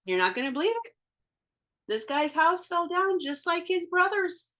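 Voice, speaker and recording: A woman reads a picture book aloud with a high, bright-toned voice that leaps around expressively. She tells the tale as the wolf in first person, playful and theatrical, stretching words and adding sneezes and doorbell sounds. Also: very animated, normal speed. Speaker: storybook reader.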